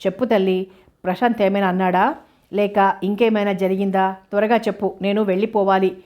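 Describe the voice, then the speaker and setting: Woman narrator voicing an anxious mother, pleading, scolding, monotone, novel reading. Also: mid-range voice, a little fast, natural voice. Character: worried widowed mother, anxious, fussing. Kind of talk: novel read aloud.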